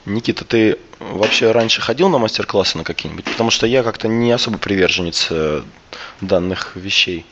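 Male podcast host, lowish gravelly voice roughened by a cold, halting casual talk, muffled recording. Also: a bit bright, slight background noise. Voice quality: gravelly, hoarse voice with throat clearing. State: hoarse from a cold. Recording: dull, lo-fi sound.

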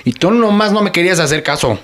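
A man's voice: high voice, lively intonation, quick pace, a bit bright. An actor playing a hungry, teasing father who jokes while trying to comfort his daughter, speaking with a Mexican Spanish accent. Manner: joking, exaggerated whining. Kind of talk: sketch acting.

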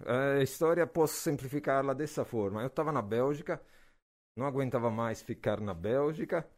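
A man in his forties from Naples with an Italian accent, a physics professor answering interview questions in a relaxed way, with frequent hesitations and fillers. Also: mid-range voice, normal speed. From Naples, southern Italy. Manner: hesitant, many "ah" fillers, laughs easily.

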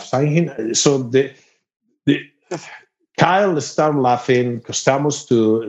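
A man's voice: medium pitch, highs cut off. Spanish-accented man telling a story, laughing. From Spain. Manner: animated, laughs through the story, halting non-native grammar. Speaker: rock musician. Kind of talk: casual anecdote telling.

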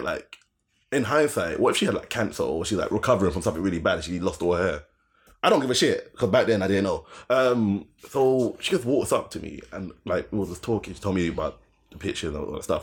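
A young man with a London roadman accent and a notably low voice. His pitch moves around a lot as he spins a casual, slangy anecdote, often repeating phrases to drive them home. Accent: London, urban roadman.

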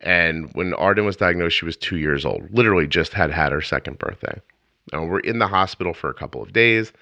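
Man, low voice, bright and forceful, casual podcast host, rambling storyteller, dry dull sound. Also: brisk, creaky, no echo. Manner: rambling, self-interrupting storyteller. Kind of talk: casual interview chat.

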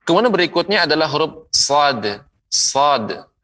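Man, religious TV lesson, slow deliberate delivery, bright tone. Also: on the high side, very animated. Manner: slow and deliberate, drawing out example words. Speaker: Quran recitation teacher. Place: television studio. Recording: voice slightly distant from the mic.

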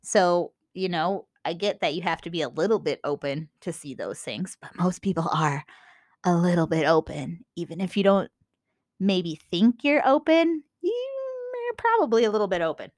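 A woman's voice: on the low side, lively intonation, normal speed, a little mellow. A young woman with a Minnesotan accent giving a casual, rambling spiritual talk as a podcast host, full of fillers and self-corrections.

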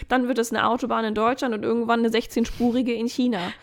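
A woman in a casual podcast chat, giving coaching advice in an animated way, acting out inner voices and adding jokey asides. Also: fairly high pitch, quick pace. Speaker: podcast guest.

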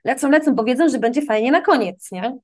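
A woman's voice: sits high, fast. A woman who teaches English to children, telling classroom anecdotes in a casual interview, acting out the exchanges and often ending with a tag question. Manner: animated anecdotes, acts out quoted exchanges, frequent tag questions.

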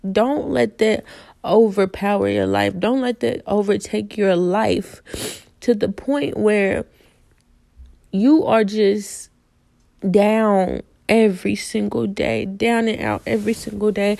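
A woman in her twenties talks straight into a close mic, chatty and emphatic, looping back on her own phrases. Her voice is dark and mellow with a gravelly fry. The sound is dry and close. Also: medium pitch, no echo. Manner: chatty and emphatic, repeats phrases, lots of "like" and "you know". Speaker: podcast host. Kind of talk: casual self-help podcast monologue.

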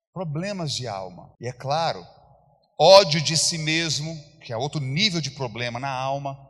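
A man's voice: on the high side, a bit bright, husky. A man preaching a sermon as pastor, emphatic and repetitive, acting out quoted voices. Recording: long church hall reverb.

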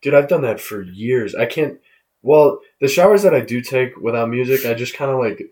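A man's voice: mid-range voice, lively intonation, moderate pace, darkish tone. A young man in casual chat, musing in a laid-back way.

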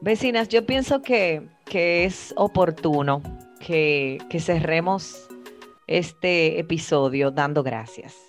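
A woman co-hosting a casual chat, speaking in a reflective, emphatic way with drawn-out phrases. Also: low voice, soft background music. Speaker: podcast co-host. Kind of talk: casual chat among friends.

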